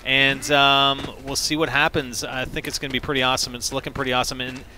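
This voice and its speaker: A man streaming a game, talking upbeat to viewers and reacting loudly to the action. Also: mid-range voice, flat delivery, fast, slight background noise. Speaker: gameplay streamer. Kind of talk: casual gameplay commentary. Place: game studio office.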